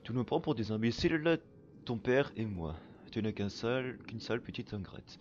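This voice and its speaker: A man's voice: mid-range voice, lively intonation, moderate pace, highs cut off, a little hiss or hum, lightly acted. A man reading out a game letter as a bitter, cruel mother who scolds and threatens her ungrateful daughter. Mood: scolding. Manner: reproachful, threatening.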